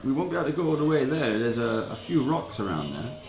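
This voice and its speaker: A man's voice: mid-range voice, big pitch swings, fast, darkish tone, natural voice. Man putting on a heavy Cockney sea captain, roomy echo. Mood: matter-of-fact. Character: gruff-spoken cautious sea captain for hire. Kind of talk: improvised tabletop role-play. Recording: roomy echo, music underneath.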